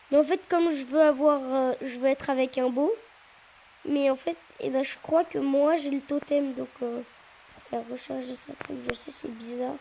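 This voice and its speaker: A high-pitched woman gives casual commentary over her gameplay, slow and unhurried, with a gravelly fry in her voice. She hesitates often and breaks out in sudden excited yelps. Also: slight background noise, rough recording. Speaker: gaming YouTuber.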